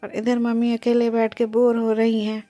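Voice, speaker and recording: A young, heavily pregnant woman narrates her day in an easygoing, chatty vlog, explaining each step to her viewers. Her voice sits a little high but stays level and mellow, with light music playing underneath. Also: monotone, moderate pace. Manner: chatty, explains as she goes, mixes in English words. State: pregnant, near delivery. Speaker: vlogger.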